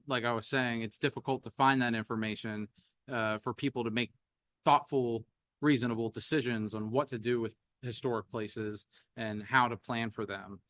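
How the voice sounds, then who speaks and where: A man's voice: mid-range voice, fairly bright tone, no room sound, studio quality. A man giving a presentation at a community workshop, speaking with frequent fillers and hesitations. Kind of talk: presentation talk. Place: meeting room.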